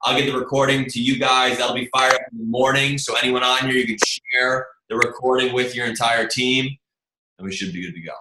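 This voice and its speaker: On a group video call, a male marketing presenter leads a team meeting with a loose, talkative sales pitch, repeatedly saying "you guys." His medium-pitched voice holds steady and runs a little fast, while the call audio picks up roomy echo, faint background noise, and clicks.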